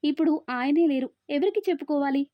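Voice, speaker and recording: A woman's voice: high-pitched, fast talker, no room sound, close to an everyday voice. A woman voicing an earnest, grieving young man. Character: young man, grieving, devoted to his uncle. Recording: dry, slightly dull recording.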